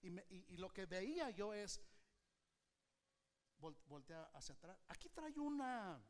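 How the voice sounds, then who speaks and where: A man preaching an animated sermon as pastor, often having the congregation repeat his phrases back to him. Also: high voice, measured pace. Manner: uses a hook prop and a volunteer as live illustrations.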